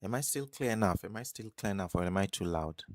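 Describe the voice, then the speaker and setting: A man's voice: sits low, fast talker, no echo, studio quality. A man from Kenya, hosting a live football watch-along and chatting casually while he reacts to the match. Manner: relaxed, musing, reacts to the match. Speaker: live stream host.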